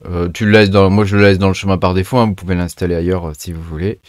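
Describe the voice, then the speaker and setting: Guy with a lowish voice doing a laid-back tech walkthrough, slangy, lots of "euh", dead dry sound. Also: fairly even intonation, fast, dry recording. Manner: loose and chatty, many fillers, slangy asides. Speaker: tech tutorial host. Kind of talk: casual screen-recorded tutorial.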